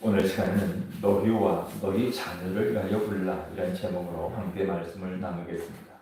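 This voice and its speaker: A man preaches a sermon in a measured, steady way, reading scripture aloud between points. His voice comes from far back in a church sanctuary with heavy echo. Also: low voice. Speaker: pastor. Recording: echoey church hall, voice from far off.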